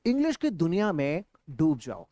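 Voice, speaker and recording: A man teaching an English-speaking lesson to a class, animated and drilling words by repetition. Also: fairly high pitch, moderate pace, dry recording.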